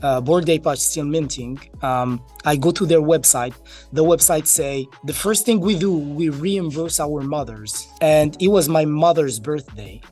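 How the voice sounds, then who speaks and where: A crypto entrepreneur from Marrakesh, Morocco, appears as an interview guest, casually telling stories and acting out bits of dialogue. His voice is fairly high-pitched and a little mellow, his pace measured, with soft music in the background.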